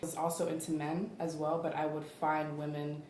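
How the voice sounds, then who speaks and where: Reflective low-voiced young woman. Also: level tone. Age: 20s. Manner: slow, reflective, soft-spoken. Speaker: guest. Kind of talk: casual group chat. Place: studio room with a table of friends. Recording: roomy echo, faint hiss.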